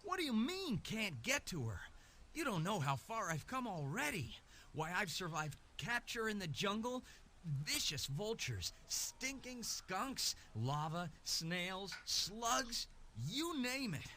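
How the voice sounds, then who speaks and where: An earnest young male adventurer from an adventure game, polite at heart but quick to rattle off grievances. His voice sits high and bright. It swings with plenty of lift. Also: big pitch swings, a little hiss or hum, exaggerated voice. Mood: indignant. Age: young adult. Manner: polite, then fired-up and listing insults. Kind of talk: game voice acting.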